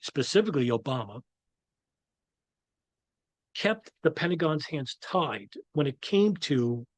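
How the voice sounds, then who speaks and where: A man's voice: fairly high pitch, dry recording. A man with a New York accent giving his own views in a rambling monologue, full of restarts and fillers. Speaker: commentator. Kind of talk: casual monologue.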